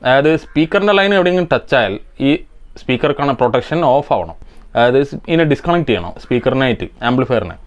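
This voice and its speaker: Brief: male electronics repair host from India, quick and methodical, smooth clear voice. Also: medium pitch, expressive. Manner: methodical, explains step by step. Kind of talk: answering viewer comments, technical explanation.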